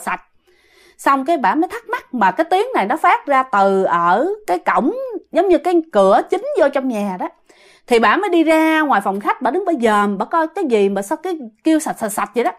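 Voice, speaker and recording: A woman's voice: high voice, big pitch swings, a little fast. A woman with a Southern Vietnamese accent telling a ghost story casually, often addressing her listeners directly.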